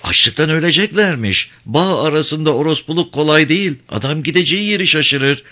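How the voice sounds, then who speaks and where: A man's voice: on the high side, expressive, brisk, sharp tone, voice pushed up. A man reading a novel aloud, voicing a worldly, outspoken woman who talks bluntly. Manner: blunt, unabashed and mocking. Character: brash, worldly woman, a seasoned streetwalker.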